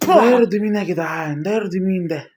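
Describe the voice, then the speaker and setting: A gaming YouTuber with an Egyptian Arabic accent does excited pack-opening commentary in a high-pitched, very fast voice. Anxious and pleading, he swings between groans and shouts.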